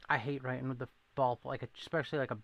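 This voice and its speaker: A man's voice: mid-range voice, level tone, rapid-fire, creaky, a bit bright. A man hosting a casual live stream, rambling and chatting with viewers and answering their comments. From southeastern Massachusetts. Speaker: livestream host.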